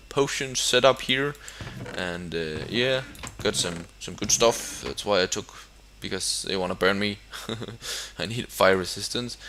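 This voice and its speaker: Fairly low in pitch and fairly bright, this young Danish gamer's voice carries a Danish accent as he casually talks through a building game. English isn't his first language, so his speech is full of fillers, hesitations, and restarts.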